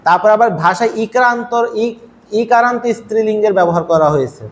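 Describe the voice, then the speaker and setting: A man's voice: high voice, fast. A man teaching a university language class, explaining patiently and asking his students rhetorical questions. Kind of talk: classroom lecture. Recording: faint noise, long hall echo.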